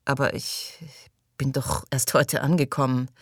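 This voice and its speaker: Woman reader doing a hesitant, bewildered man, low and dry, an audiobook part. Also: level tone, measured pace, no room sound. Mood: defensive. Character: flustered, awkward newly arrived man. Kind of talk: audiobook reading.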